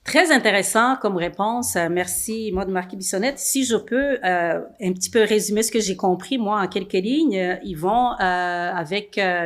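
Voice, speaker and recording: Woman hosting a panel, lots of euh, cheery little comments, studio. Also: mid-range voice. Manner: hesitant, many fillers, upbeat interjections. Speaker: host and moderator. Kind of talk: moderating a youth panel.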